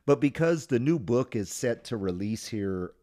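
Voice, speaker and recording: A pastor and author hosts a podcast while suffering from a cold, so his voice may crack. At a medium pitch and normal speed, he talks in a relaxed, casual way, rambling a bit with plenty of ums.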